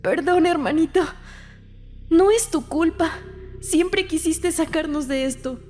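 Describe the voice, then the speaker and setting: A woman's voice: extremely high pitch, slow pace, a little mellow, in a large hall, soft background music. A woman voicing the narrator's desperate, tearful young sister in a horror audio drama. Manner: pleading, tearful.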